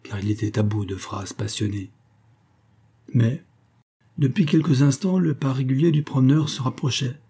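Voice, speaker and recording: A man narrating a classic novel as an audiobook in a measured, hushed storytelling manner. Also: mid-range voice, gravelly, husky.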